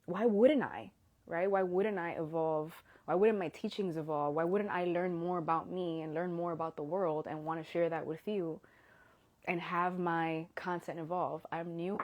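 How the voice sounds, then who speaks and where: A thirty-something woman runs an emotional, casual Instagram Live, her lowish voice steady and unhurried, with the highs cut off. She's sincere and heartfelt, sometimes whispering when emotion catches up with her and tears threaten.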